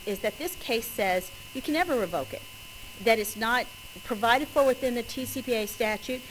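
A woman lawyer with a West Texas twang argues a case to a judge, emphatically and deliberately stressing key words. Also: mid-range voice, a little hiss or hum, rough recording. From West Texas, United States. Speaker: lawyer arguing before a judge. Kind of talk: courtroom legal argument. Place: courtroom.

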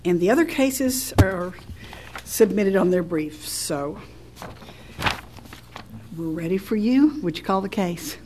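A woman presiding as an appellate justice in a courtroom, speaking in a brisk, direct way. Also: mid-range voice, animated, background noise. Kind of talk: courtroom proceedings.

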